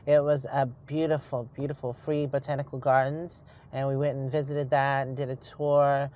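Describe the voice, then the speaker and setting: Driving her RV, a middle-aged travel vlogger chats casually to a dash or handheld camera, talking to herself about the road. Her voice is rumbling and low with a dark tone, a level delivery, and a moderate pace, while road noise fills the moving cab.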